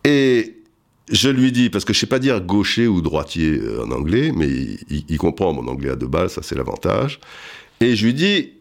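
A man with a lowish voice spins a comic story, his pitch leaping all over the place. He rambles, mocks himself and keeps breaking off into asides. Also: very animated, moderate pace, vocal fry. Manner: rambling, self-mocking, full of asides and restarts.

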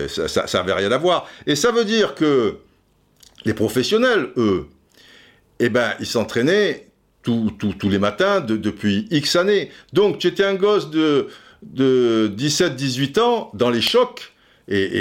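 A middle-aged man telling football history in a casual way, stumbling into frequent repeated words and fillers as he addresses the listener directly. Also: lowish voice. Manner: many stammered repeats and fillers. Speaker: football storyteller. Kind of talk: casual spoken storytelling.

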